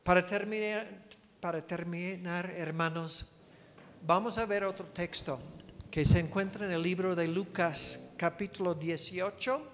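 Slow, high-voiced man preaching a sermon. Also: steady tone, a bit bright, long reverb tail, slight background noise. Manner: slow, pausing, dramatic storytelling. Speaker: preacher, missionary.

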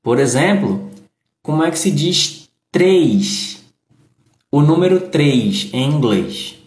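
A man's voice: fairly high pitch, animated, slow, darkish tone. A man with a Brazilian accent teaching English phrases and pronunciation in a live online lesson, explaining patiently step by step. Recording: echoey room.

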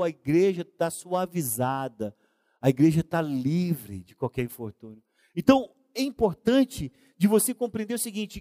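High-voiced Brazilian pastor preaching. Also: male voice, a little mellow, no room sound, clean studio sound, big-room sound. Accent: Brazilian Portuguese. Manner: preaching with acted dialogue, emphatic pauses. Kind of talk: sermon. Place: church.

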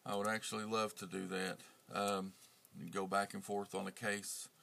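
A man's voice: lowish voice, little pitch movement, moderate pace, gravelly, a bit bright. A man hosting a true crime podcast, talking casually and rambling with many fillers and restarts. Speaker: podcast host. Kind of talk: casual podcast outro chat.

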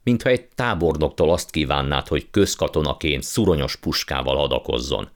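A man voicing a pompous, blustering old uncle who calls himself a scientist and magician. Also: rumbling low. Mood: outraged. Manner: blustering, condescending, impatient.

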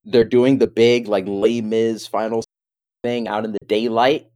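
A man's voice: fairly low pitch, flat delivery, a little slow, darkish tone. A man in casual chat, telling a story with exasperation and acting out his own reactions.

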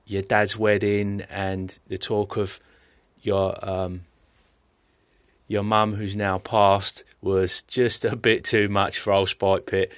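A British man leaving a casual voice message, effusive and halting as he repeats his words. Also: lowish voice, level tone, fairly bright tone, no echo. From United Kingdom. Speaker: podcast listener leaving a voice message.

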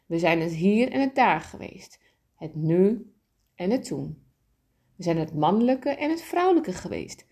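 A kind and wise soul who speaks with patient tenderness, as a woman reads the part aloud. The voice is warm and slightly husky, and it rises and falls in lively swells. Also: on the low side, unhurried, full character voice. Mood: gentle. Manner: gentle, patient explaining.

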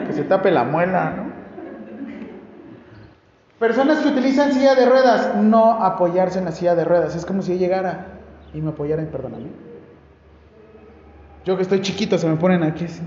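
A man with a Mexican accent giving a lively, joking classroom lecture to nursing students and asking the class questions. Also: high voice, a little hiss or hum. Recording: echoey hall, dull lo-fi sound.

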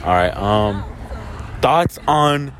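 Ironic zoomer teen guy, low-voiced, noisy recording. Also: expressive, drawn-out words, some chatter behind. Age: teens. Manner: ironic zoomer slang, mock-earnest. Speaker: host. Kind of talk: casual joking chat. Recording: noisy outdoor, traffic and vehicle ambience.

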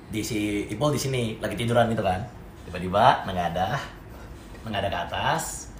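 A young man telling a story as a podcast co-host, casual and slangy, acting out quotes with sudden loud bursts. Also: lowish voice, fairly quick. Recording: echoey room, faint noise.

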